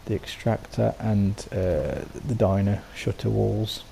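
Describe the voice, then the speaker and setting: This game settlement builder narrates a casual walkthrough slowly, in a low, gravelly voice left croaky by a sore throat. Dark and mellow, he wanders along with ums and restarts, a faint hiss under his voice.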